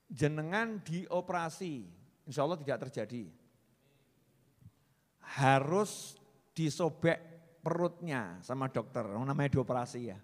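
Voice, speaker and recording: High-voiced Indonesian preacher in a hall. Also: male voice. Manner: joking, animated, mixes Javanese phrases, talks with audience. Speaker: Islamic preacher. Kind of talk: humorous religious sermon. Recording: long hall reverb.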